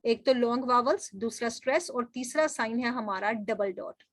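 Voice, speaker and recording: A woman's voice: fairly high pitch, moderate pace, dry recording, studio quality. A woman teaching linguistics in a recorded lecture, explaining step by step, asking rhetorical questions and telling students what to underline.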